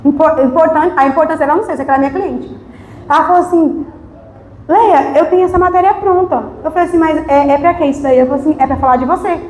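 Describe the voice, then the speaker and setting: A woman's voice: high voice, fast talker, roomy sound, a little hiss or hum, low-quality recording. A woman deaconess from Brazil, giving a testimony sermon and acting out conversations as she tells the story. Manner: animated storytelling, acting out dialogue. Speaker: deaconess preaching. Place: church service.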